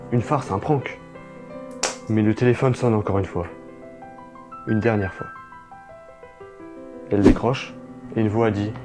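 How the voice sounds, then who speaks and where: A young man co-hosting a horror video, narrating eerie stories dramatically with chatty asides to viewers. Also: lowish voice. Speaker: co-host. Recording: music playing behind.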